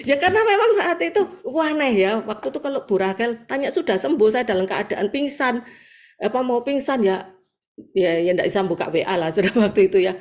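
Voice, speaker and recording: A woman's voice: a little high, lively intonation, fairly quick. A woman with a Javanese accent giving a personal testimony over a video call at a prayer meeting, telling her story vividly with acted quotes and exclamations. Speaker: church member giving testimony.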